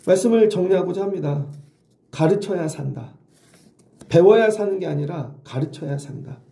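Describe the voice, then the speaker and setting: In an echoey room, a middle-aged male pastor delivers a dawn sermon in a conversational style, often putting questions to the congregation. His voice is high-pitched yet gravelly and dark in tone, with lively intonation and a moderate pace.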